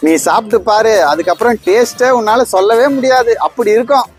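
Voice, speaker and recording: A woman voicing a pushy, stingy male ice cream vendor in a cartoon, hawking loudly. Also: a little high, fairly quick, faint music behind, lightly acted. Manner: loud hawking calls.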